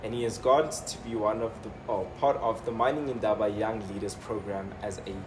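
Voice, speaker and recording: A man's voice: lowish voice, steady tone, a little fast. A man hosting a casual interview, chatty and laughing easily. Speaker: interview host. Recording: noisy room ambience.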